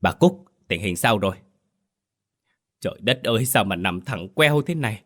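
A man's voice: fairly low pitch, animated, normal speed, fairly bright tone. A man voicing a worried male village neighbor in an audio horror story, talking urgently.

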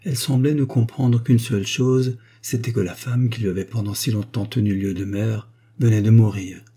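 Male audiobook narrator, low and dark, steady measured delivery. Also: slightly rough. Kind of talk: scripted narration of a classic novel.

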